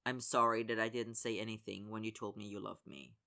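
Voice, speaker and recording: A man voicing a soft, pleading young man. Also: on the low side, fairly even intonation, a little fast, gravelly, voice pushed down. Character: earnest, apologetic young man, hockey player.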